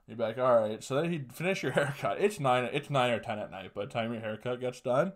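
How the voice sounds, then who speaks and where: A man's voice: medium pitch, fairly quick. A young man from Canada hosting a podcast, telling rambling, profane comic stories in a casual way, recorded at home on a webcam. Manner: rambling, profane, animated storytelling. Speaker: podcast host. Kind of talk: casual comedic storytelling. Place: small room at home, indoors.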